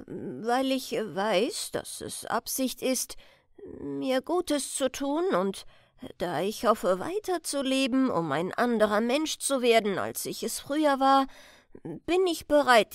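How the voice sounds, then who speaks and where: A woman's voice: on the high side, sing-song, no echo, studio quality, full character voice. A woman doing a scared old miser. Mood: fearful pleading. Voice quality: pleading, halting, with hesitant fillers. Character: frightened old male miser pleading with a ghost. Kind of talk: audiobook character voice.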